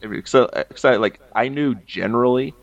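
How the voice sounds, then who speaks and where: A man telling stories in casual podcast chat, animated and full of fillers and restarts. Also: mid-range voice, fast, no echo, muffled recording.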